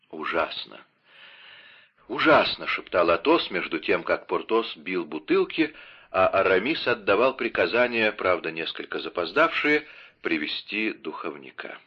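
A man's voice: sits low, very animated, normal speed, breathy edge. Man reading an audiobook, dramatic, dull lo-fi recording. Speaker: narrator. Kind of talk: audiobook narration.

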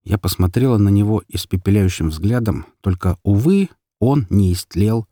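A man narrating an audiobook story in an expressive, dramatic way. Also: lowish voice, moderate pace, no room sound, clean studio sound.

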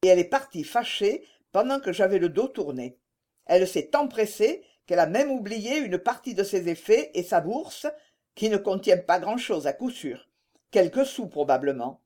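A shameless country farmer talks smoothly and feigns indifference, as a woman reading the tale puts him on. The voice stays close to her own, with lively rises and falls. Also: mid-range voice, normal speed. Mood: sly. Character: sly, shameless grown rural farmer.

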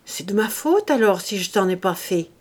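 A bluff middle-aged farmer from a classic storybook, talking in plain rustic phrases and repeating himself, as a woman reader puts him on. His lines come out louder than the narration. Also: mid-range voice, expressive, normal speed, lightly acted. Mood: stunned. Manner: loud, repetitive, rustic speech.

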